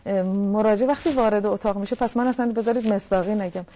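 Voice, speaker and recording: A woman counselor calmly explaining family communication on a talk show, speaking directly to listeners. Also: medium pitch, highs cut off.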